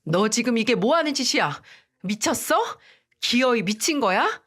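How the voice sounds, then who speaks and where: Woman reading as angry betrayed husband yelling at his wife, accusing. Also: fairly high pitch, animated, normal speed. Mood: furious. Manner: shouting, accusing. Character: furious injured husband, grown son.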